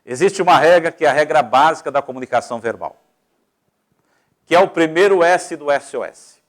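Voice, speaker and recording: This man's slightly high voice moves briskly as he gives a didactic public-speaking lecture in a Brazilian Portuguese accent, laying things out step by step while changing volume and pace freely.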